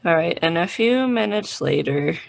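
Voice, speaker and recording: A man narrating a tabletop game as game master, improvising descriptions in a halting way. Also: a little high, expressive, vocal fry.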